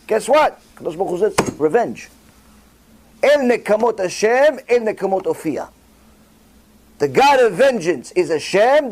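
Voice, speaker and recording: A man giving a rabbi's Torah lecture, emphatic and full of rhetorical questions, swinging widely between loud and quiet. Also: rough recording. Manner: dramatic swings in pitch and volume.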